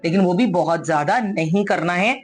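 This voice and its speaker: A woman's voice: lowish voice, moderate pace, faint music behind. Earnest woman giving a pep talk. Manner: earnest and coaxing, mixes English into Hindi. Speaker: motivational speaker. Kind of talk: motivational talk.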